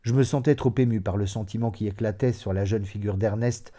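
A man narrates a classic novel with a steady, measured delivery. His voice is low-pitched and mellow, with a dark, relaxed tone. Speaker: audiobook narrator. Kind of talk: scripted literary narration.

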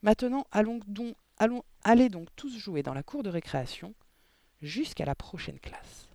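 A man's voice: high-pitched, very animated, measured pace, dry recording, voice pushed up, exaggerated voice. A man voicing a kind young female schoolteacher calling out urgently. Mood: coaxing. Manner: urgent, raised voice.

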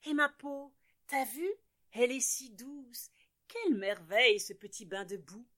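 A fussy, houseproud storybook housewife with a high, shrill voice and theatrical fretting, put on by a woman storyteller. She sounds bright and sharp, never in a hurry. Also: lively intonation, a little slow. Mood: blissful.

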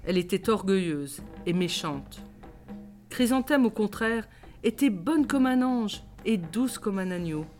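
Lady reading a folk tale, calm and expressive, soft music underneath. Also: mid-range voice, unhurried. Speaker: reader. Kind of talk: storybook narration. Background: faint music.

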